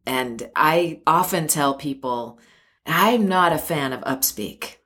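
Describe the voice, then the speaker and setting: A woman hosting an interview, asking thoughtful, measured questions. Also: low-pitched, animated, fairly bright tone. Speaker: podcast host. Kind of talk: interview chat.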